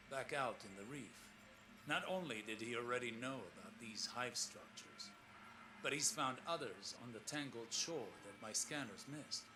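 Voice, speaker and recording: This scripted sci-fi game log features a man playing a grave, learned space explorer, his natural voice sitting in the mid-range. He sounds tired and troubled, choosing formal language slowly with heavy, brooding pauses, while clear background noise fills the space around him.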